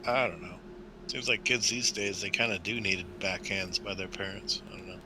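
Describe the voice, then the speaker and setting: A man's voice: low-pitched, fairly even intonation, normal speed, background noise. A man in a casual group voice chat while gaming, laughing often and hedging his opinions. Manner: laughs often, hedges with "I don't know". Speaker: gamer on voice chat.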